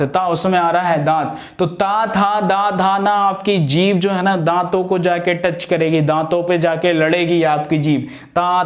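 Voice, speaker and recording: A man teaching an exam-prep grammar lesson, asking questions and answering them himself, and pronouncing each sound aloud for practice. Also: high-pitched.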